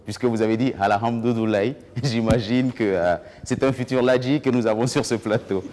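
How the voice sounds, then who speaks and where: A man with a Burkinabè accent hosting a studio debate, introducing guests in a hesitant, drawn-out way. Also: mid-range voice, fairly even intonation, darkish tone, in a large hall. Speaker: talk show host.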